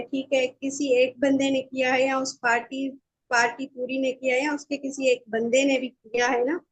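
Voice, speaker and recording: A law lecturer, a woman with a high voice, teaches informally by reading passages aloud and explaining them, mixing in English terms and often checking that listeners are following. The recording is rough.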